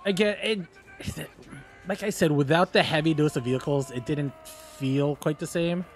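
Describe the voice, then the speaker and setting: A man's voice: on the high side, measured pace, soft background music. A man casually commenting while he plays a game on a live stream, chatty, exclaiming and laughing during fights, humming bits of tunes.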